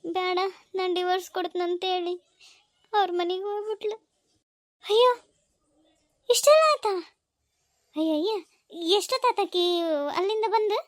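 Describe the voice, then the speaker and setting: A woman's voice: very high voice, moderate pace, pauses often, dry recording, studio quality. A woman with a North Karnataka Kannada accent playing an anxious village mother in a family comedy-drama, talking in an emotional, pleading and scolding way.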